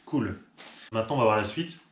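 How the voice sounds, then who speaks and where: A man's voice: lowish voice, expressive, fairly quick. A man who runs an online shop, chatting casually and upbeat with fillers as he unboxes a product. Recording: echoey room with clear background noise.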